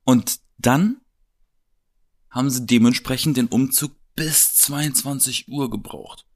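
A man's voice: medium pitch, slow pace. A man co-hosting a podcast, telling a story casually and animatedly, swearing now and then. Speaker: podcast co-host.

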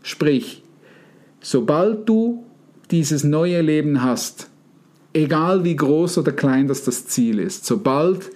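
Man coaching in a podcast, dark voice. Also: a little high. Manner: coaching, asks many rhetorical questions; addresses listeners warmly as "ihr Lieben". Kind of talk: casual podcast talk on mindset.

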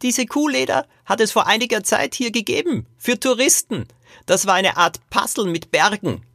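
A man voicing a gruff, secretive old great-grandfather in a high, cackling voice for a children's audio story. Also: animated, moderate pace, sharp tone, dry recording, studio quality, exaggerated voice. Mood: mysterious. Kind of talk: audiobook character voice.

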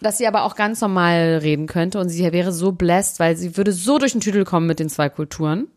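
A woman co-hosting a casual chat, gossiping in a lively, chatty way. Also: fairly low pitch, a little fast. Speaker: podcast co-host.

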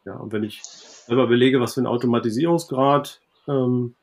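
A man talking as a podcast guest in a relaxed interview, thinking aloud with many fillers and restarts. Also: mid-range voice, fairly quick. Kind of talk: conversational interview.

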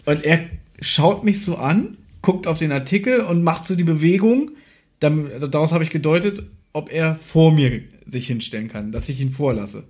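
A man's voice: fairly high pitch, animated, normal speed, darkish tone. A man co-hosting a casual chat, telling a story and defending himself in an argumentative way. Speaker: podcast co-host.

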